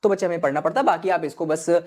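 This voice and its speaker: Fast-talking, fairly high-pitched, and darkish in tone, a male teacher runs an online accountancy exam-prep lecture. His explanations proceed step by step, interspersed with English terms and frequent check-ins with his students.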